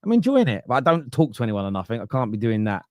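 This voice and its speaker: Guy late 30s hosting a footy podcast live, jokey and animated, dry close sound. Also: medium pitch, quick pace, no room sound. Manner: chatty, joking, animated. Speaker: podcast host. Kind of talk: live football fan podcast.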